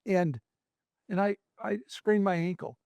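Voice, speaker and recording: A man's voice: sits high, unhurried, gravelly, a little mellow, clear, resonant tone, no room sound. An American man telling a personal story in an earnest, emphatic way, repeating key phrases.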